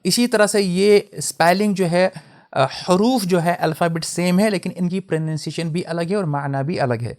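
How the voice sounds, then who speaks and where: A young man delivers a religious lecture in a noticeably high voice. He explains each term with care and contrasts how words are pronounced. He slips into English phrases as he teaches. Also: a little mellow. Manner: explanatory, switches into English mid-sentence; spells out and contrasts word pronunciations. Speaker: Islamic teacher.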